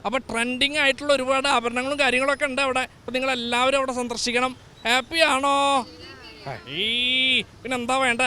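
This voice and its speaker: A man's voice: extremely high pitch, moderate pace, sharp tone, a little hiss or hum, heavily acted. A man playing a festive, teasing King Mahabali who hosts a comic outdoor street show with quizzes and giveaways. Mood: cheerful. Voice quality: playful, with teasing exclamations. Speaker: host.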